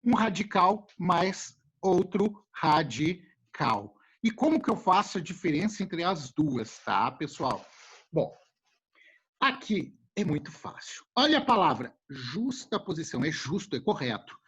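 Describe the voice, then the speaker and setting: A male teacher from giving a casual classroom lesson, animated and jokey, speaking to his students as a group. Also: on the high side, a little slow, breathy edge. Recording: muffled lo-fi recording.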